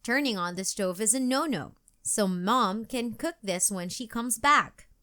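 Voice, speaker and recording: A plucky little girl from a storybook, boastful and bouncy, as a woman reader puts her on. The voice sits high and swings widely, chirpy and bright. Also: lively intonation, measured pace. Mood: cheerful.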